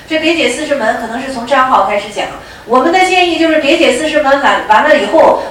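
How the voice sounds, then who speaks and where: A woman's voice: high voice, a bit bright, a little hiss or hum. A woman giving a Buddhist lecture who retells old stories and often repeats her phrases. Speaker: Buddhist teacher. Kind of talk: dharma lecture with storytelling. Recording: echoey room, mic far off.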